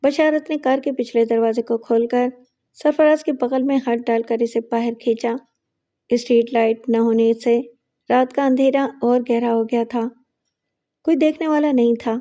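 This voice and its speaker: Woman narrator, scripted story reading, fairly high voice, mellow warm tone, steady measured delivery.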